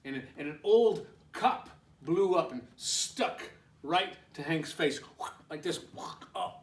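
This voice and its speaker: His fairly high voice has lively intonation, though he takes things slowly. This man, a preschool teacher hosting storytime, reads a picture book aloud with expression and small asides to the children. The echoey room and distant microphone shape the sound.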